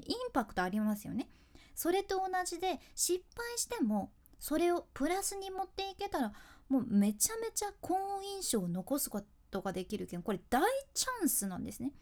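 A woman's voice: sits high, darkish tone. A young woman speaking with a Kyushu dialect, a speaking coach giving a chatty lesson, laughing often and teasing herself. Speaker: speaking coach, freelance announcer. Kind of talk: casual instructional talk.

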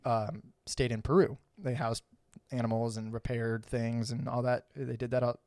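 A man's voice: mid-range voice, fairly even intonation, normal speed, darkish tone, dry recording, studio quality. A man co-hosting a casual podcast, laid-back and laughing often, swearing casually as he tells a story. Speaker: podcast co-host.

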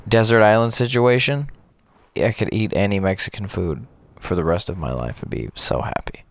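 A chatty, playful man co-hosting a podcast, his voice sitting a little low. The sound is close and dry, with no room around it. He rambles cheerfully and drops into goofy noises. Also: normal speed, vocal fry, no echo. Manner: playful, talkative, breaks into silly sounds. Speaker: podcast co-host. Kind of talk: casual chat.

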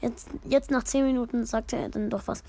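A woman's voice: fairly high pitch, fairly even intonation, moderate pace, creaky, dark tone. Woman reading her own story aloud. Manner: rambling, self-correcting asides.

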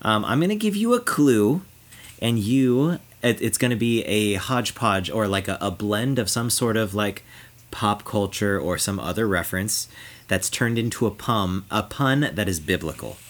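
A man's voice: on the low side, moderate pace. A man hosting a casual podcast, running a playful pun quiz for his co-hosts. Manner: playful, quiz-master delivery. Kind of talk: casual chat.

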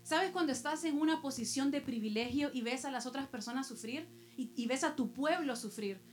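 A woman's voice: high-pitched, fairly quick, faint music behind. A woman pastor from El Salvador, preaching a sermon with personal stories and rhetorical questions to the congregation.

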